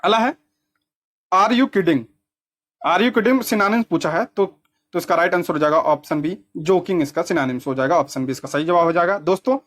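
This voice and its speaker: An exam coaching teacher with a high, fairly bright voice works through practice questions step by step at a moderate pace. He repeats key terms to check that they sink in.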